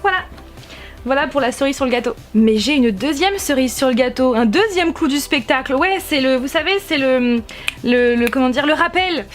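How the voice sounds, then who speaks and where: Young female vlogger, higher voice, gushing fan energy, restarts a lot, home recording. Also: animated, normal speed, faint music behind. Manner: enthusiastic, gushing, many restarts. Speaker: YouTube vlogger. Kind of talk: casual haul video chat. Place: warm room at home with a fan running. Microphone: camera-mounted shotgun mic.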